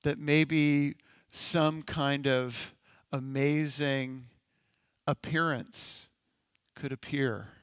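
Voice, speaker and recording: Slow, gentle pastor guiding a meditation. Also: male voice, fairly high pitch, steady tone, clean tone, no room sound. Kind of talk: sermon with guided imagery. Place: church sanctuary.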